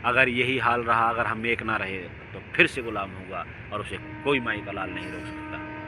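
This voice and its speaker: A man giving an impassioned, preachy monologue, his voice swinging from emphatic outbursts down to low, quiet lines. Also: sing-song, normal speed, background noise. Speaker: religious speaker.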